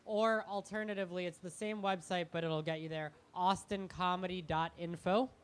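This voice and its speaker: A young man, a comedian and guest, speaking in a halting, rambling, self-deprecating way on a live talk show. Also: high voice, fairly even intonation, clear, resonant tone. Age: young adult.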